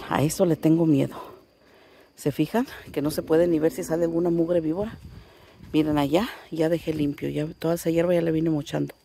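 A woman vlogger with a northern Mexican accent films on her phone while working outdoors in a rural field, chatting casually to viewers she calls her little friends, with playful exclamations. Her voice is low, creaky, and mellow, with slight background noise.

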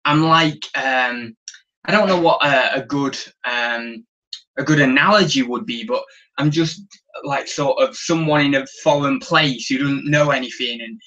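A young man on a casual live stream shows off auction finds and reads the chat, rambling with lots of ums and restarts. His medium-pitched voice is unhurried with a sharp tone, and the lo-fi sound comes from a tripod-mounted camera in a small room.

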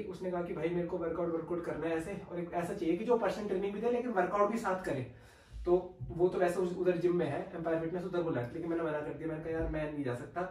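A young man in a casual prank vlog, teasing his wife and bragging with excited banter. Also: a little high. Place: living room with sofa, indoors. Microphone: far camera on a tripod. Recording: echoey room from a distance.

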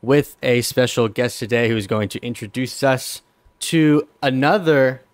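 A man's voice: medium pitch, unhurried, no room sound. A young man hosting a podcast interview, upbeat and welcoming. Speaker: podcast host. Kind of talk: casual interview. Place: small studio. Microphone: headset and studio mic.

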